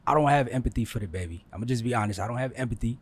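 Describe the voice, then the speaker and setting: A man's voice: mid-range voice, rapid-fire, slightly rough. A man co-hosting a podcast, giving his blunt, insistent opinion. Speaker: podcast co-host. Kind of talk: casual chat.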